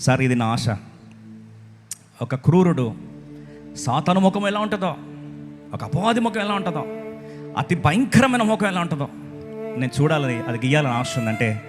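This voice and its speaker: A man voicing a gentle, persistent male painter who talks in an earnest, coaxing way. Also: on the high side, very animated, moderate pace, pauses often, voice pushed down. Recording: echoey hall with loud music.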